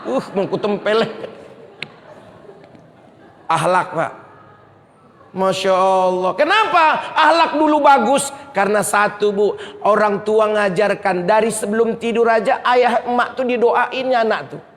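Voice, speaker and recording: A man gives a humorous sermon, and his voice sits high. He tells lively stories, acts out quotes and talks straight to the crowd. A long reverb from the hall trails each phrase. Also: a little slow. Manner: lively storytelling with acted-out quotes and crowd address. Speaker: preacher. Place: mosque hall, live event.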